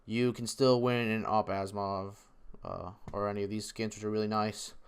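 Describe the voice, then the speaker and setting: Clear-voiced excitable man vlogging. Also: lowish voice, normal speed. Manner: excitable, profane, rambling. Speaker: esports video creator. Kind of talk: casual predictions vlog.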